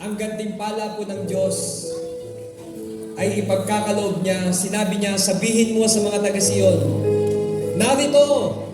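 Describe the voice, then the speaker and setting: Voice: medium pitch, fairly even intonation, measured pace. A preacher from the Philippines delivering a sermon in a church, calling out to the congregation and mixing in English phrases. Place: large church hall. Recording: echoey hall, far from mic, with music.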